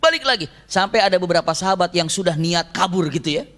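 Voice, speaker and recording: A man delivers a storytelling religious lecture. He talks in an animated way and keeps asking his listeners questions. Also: sits high, quick pace. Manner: animated, acts out shouted quotes, asks the audience questions. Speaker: Islamic preacher.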